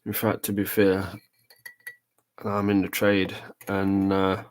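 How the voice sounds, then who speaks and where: A man's voice: low-pitched, completely flat delivery, slow pace, a little hiss or hum. Rambling man mid-task. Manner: chatty, rambling, thinking aloud while working. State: talking with a brush in his mouth. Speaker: model-making live streamer. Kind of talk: casual live-stream chat while painting.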